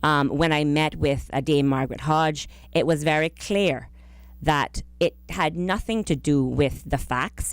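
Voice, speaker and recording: Low-voiced and formal, a government minister speaks carefully and haltingly as a guest in a political radio interview. She's in a small radio studio on a close broadcast microphone mounted on a boom arm, with no room sound.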